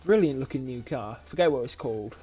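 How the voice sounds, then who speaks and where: A man's voice: mid-range voice, expressive, brisk, dark tone, husky, faint music behind. A young man from Britain giving casual, rambling commentary while playing a car repair game live, talking to himself with frequent restarts and laughs, a bit sleepy. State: sleepy, yawning. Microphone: desk mic with webcam.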